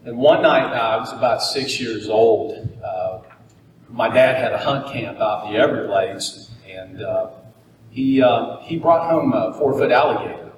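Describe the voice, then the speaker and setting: A man's voice: medium pitch, a little slow, slight background noise. A man from Florida giving a motivational keynote speech, telling folksy stories and joking with the audience. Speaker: keynote speaker. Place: conference hall. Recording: echoey hall, mic far off.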